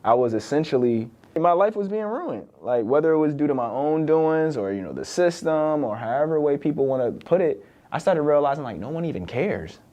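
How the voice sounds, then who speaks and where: A man's voice: fairly high pitch, expressive, brisk, hardly any pauses, warm tone, highs cut off. A young man, a podcast host from Virginia, talking in a loose, conversational solo monologue full of "like" and "right?". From born in the UK, raised in Virginia.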